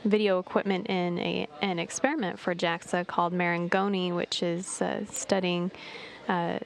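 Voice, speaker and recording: A woman mission control commentator narrating a live status update in a measured, halting way with hesitant pauses. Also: on the low side, flat delivery, creaky.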